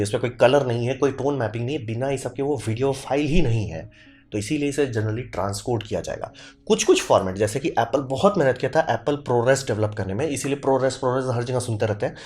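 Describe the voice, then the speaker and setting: Fast-talking man explaining camera tech. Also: mid-range voice, a little mellow. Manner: quick, conversational, addresses viewers directly. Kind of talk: casual explainer video.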